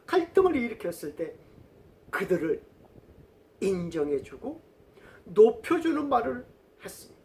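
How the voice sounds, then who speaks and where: Animated Korean pastor preaching. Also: male voice, high voice, a little slow, pauses often. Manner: storytelling, asks the congregation questions. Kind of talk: sermon.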